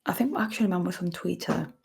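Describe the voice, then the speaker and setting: Woman ASMR guest, very husky soft voice with some vocal fry, drifts into whispers. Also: fairly low pitch, fast talker. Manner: soft, slipping into whispers, giggly. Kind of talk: soft-spoken and whispered interview chat.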